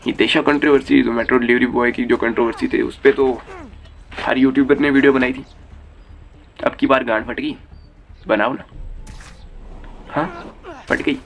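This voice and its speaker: A man's voice: medium pitch, steady tone, normal speed, gravelly, pauses often. A young man giving a heated, crude commentary rant as a YouTube commentator, swearing freely. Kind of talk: ranting commentary.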